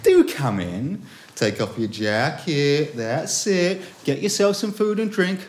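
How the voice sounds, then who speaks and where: A man's voice: fairly high pitch, sing-song, slow, a little mellow, roomy sound, pitched above the performer's own voice. A man voicing a posh hostess who greets a guest with forced, sing-song politeness. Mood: forced welcome. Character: falsely gracious posh middle-aged hostess woman.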